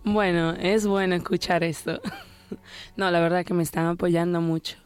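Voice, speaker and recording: Young woman singer with low voice, music behind. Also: steady tone, moderate pace. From Dominican Republic, raised in Italy. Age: 20s. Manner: laughs often, searches for Spanish words. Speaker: singer, interview guest. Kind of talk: casual interview chat.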